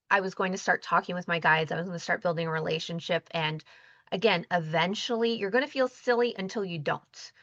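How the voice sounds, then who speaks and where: A woman with a bright, forward voice tells stories animatedly in a casual interview and acts out the dialogue. The sound is dry and a little dull, like a lo-fi recording. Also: fairly low pitch, no echo. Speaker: guest, intuitive energy healer.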